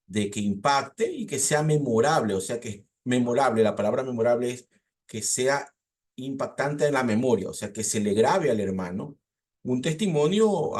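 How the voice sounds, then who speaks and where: A man teaching a seminary preaching class, explaining points in a relaxed lecture with fillers and rhetorical questions. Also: medium pitch. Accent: Latin American Spanish.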